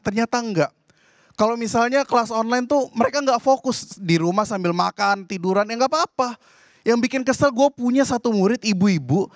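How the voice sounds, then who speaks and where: Male stand-up comic from Indonesia, high voice, dry close sound, exasperated ranting, stage set. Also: no echo. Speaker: stand-up comedian.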